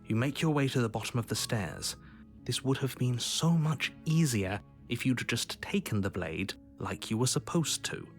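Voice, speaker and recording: An actor playing a stern, disapproving narrator in a video game, telling the tale gravely with exasperation. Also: male voice, medium pitch, expressive, normal speed, faint music behind, natural voice. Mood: exasperated.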